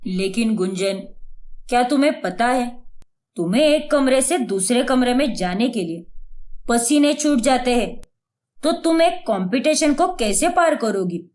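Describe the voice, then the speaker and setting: A woman's voice: on the high side, lively intonation, measured pace, a little mellow. A woman voicing a timid young husband in a cartoon, who talks in a whiny, complaining way.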